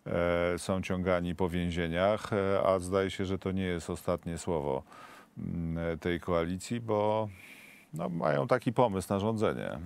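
A man's voice: deep voice, clean tone. A man interviewing a guest on television, asking long questions broken up by fillers.

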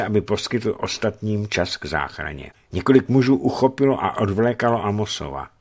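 A man reads a historical novel aloud in a steady narration. His voice sits low. The delivery is scripted and even. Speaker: reader.

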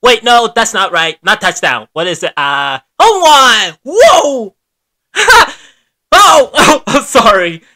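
A woman voicing a goofy, excitable young male mammoth in a cartoon, laughing and talking like a bro. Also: a little high, slow pace, heavily acted. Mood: giddy. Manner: giddy, laughing, bro-ish.

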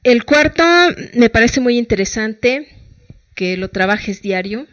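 A woman's voice: fairly high pitch, lively intonation, takes it slowly, no room sound. A middle-aged woman psychologist with a Mexican Spanish accent, giving colloquial advice and asking her listeners rhetorical questions. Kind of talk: talk-show advice talk.

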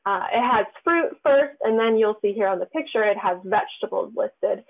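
A woman's voice: medium pitch, expressive, normal speed, vocal fry. A woman presenting in a casual webinar over a video call, explaining in a friendly way with frequent fillers. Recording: tinny phone-like webinar audio.

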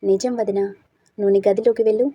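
A woman's voice: mid-range voice, fairly even intonation, fast talker, dark tone, close to an everyday voice. Woman doing a chatty joking young man. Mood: teasing. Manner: teasing, chatty.

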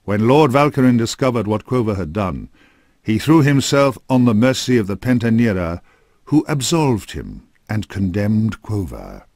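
Scripted narration for a dark fantasy game saga comes from a man whose fairly low voice swings widely in pitch. He tells the story gravely and at a measured pace, captured dry and up close without any reverb.

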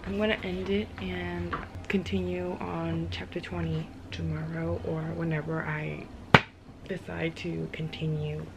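A woman's voice: low-pitched, level tone, measured pace, creaky, very noisy. A young woman chatting casually about a book she is reading, exasperated and sometimes dropping to a whisper. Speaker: book vlogger. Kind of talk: casual reading vlog chat.

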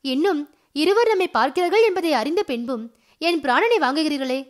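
A cheeky young man who teases two women with careless ease, read in a high, lively voice by a woman narrator. It is storybook reading in her own voice. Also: brisk. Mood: teasing.

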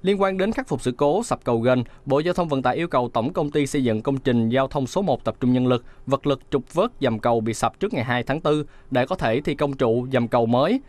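A man reading a scripted news voice-over in a steady, measured way. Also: mid-range voice, dry recording. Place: studio booth.

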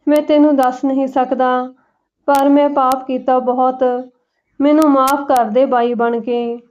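A man's voice: extremely high pitch, level tone, a little slow, a little mellow. Woman voicing a remorseful young village man. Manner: pleading, tearful.

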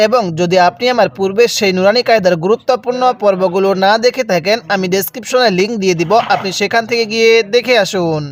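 High-pitched Bangladeshi man teaching recitation. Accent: Bangladeshi Bengali. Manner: slow, drawn-out letter-by-letter recitation. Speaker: Quran reading teacher. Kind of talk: spoken tutorial.

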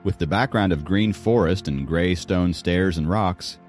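A man reading a novel aloud as audiobook narrator, in steady scripted narration. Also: deep voice, a little slow, faint music behind.

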